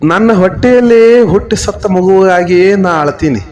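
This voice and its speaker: A man's voice: high voice, measured pace, darkish tone, a little hiss or hum. A man voicing a grieving village mother who answers back with pleading indignation. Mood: indignant grief.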